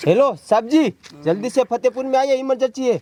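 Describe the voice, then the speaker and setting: A man playing a villager in a rural comedy sketch, speaking in a quick, wary, blunt way. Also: very high-pitched, warm tone.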